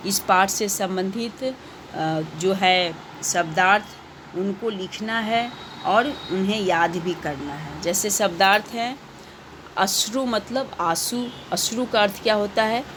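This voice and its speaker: A woman teacher talks schoolchildren through their homework questions in a recorded class. She speaks slowly and patiently at a middle pitch, and she repeats each answer so it sinks in. A faint hum sits behind her voice. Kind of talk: recorded class lesson for children.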